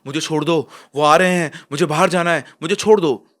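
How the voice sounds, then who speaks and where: A man's voice: fairly high pitch, expressive, fairly quick, fairly bright tone. A man voicing a terrified young man fleeing ghosts, who pleads frantically in a panic. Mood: panicked.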